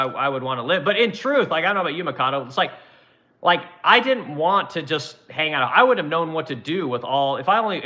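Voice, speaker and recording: On dull-sounding audio, a woodworking business owner in his forties, whose voice is a little high and sharp, answers viewers on a livestream. His casual replies are blunt, profane, and meandering.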